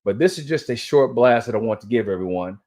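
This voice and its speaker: Wearing dental aligners that slightly hinder his articulation, this male host reads aloud and offers casual commentary, now and then tripping over words and fixing them. His medium-pitched voice is expressive, fast, and a little mellow.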